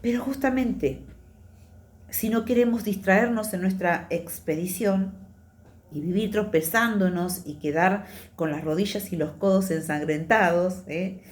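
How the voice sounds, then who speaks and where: A woman's voice: mid-range voice, unhurried, darkish tone, echoey room. A woman with a Rioplatense Spanish accent giving a conversational testimony sermon in church, confiding and chatty, often checking in with her listeners. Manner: chatty, confiding, often adds tag questions.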